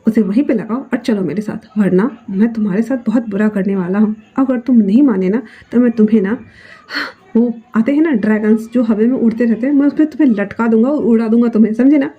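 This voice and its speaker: A woman's voice: on the high side, fairly quick, slightly rough. A woman doing a pushy, teasing young man. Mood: bossy. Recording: dull lo-fi sound.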